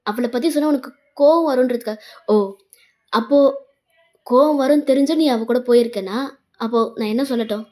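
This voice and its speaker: Girl doing an angry hurt girlfriend, sarcastic and cutting, mellow tone. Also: on the high side, fairly quick, long pauses, natural voice. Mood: bitter. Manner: bitter, sarcastic. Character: hurt, angry young woman, sharp-tongued girlfriend. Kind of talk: fan fiction voice-over.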